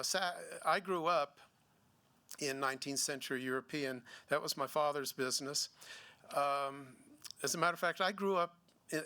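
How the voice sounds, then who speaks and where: A middle-aged man, a gallery owner giving a seminar talk, speaking haltingly with many restarts and fillers. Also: a little high, bright, forceful tone, smooth. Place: museum seminar room.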